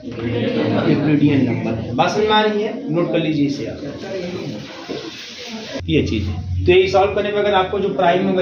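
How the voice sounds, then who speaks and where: A male math teacher giving a classroom lecture, talking students through each step with reassuring check-ins. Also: high-pitched. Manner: reassuring, repeats checks like "theek hai na". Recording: roomy, distant, dull recording.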